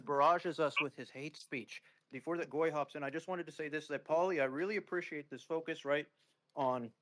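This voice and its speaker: A man in a casual group voice chat, talking in a sarcastic, mocking way. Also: fairly high pitch.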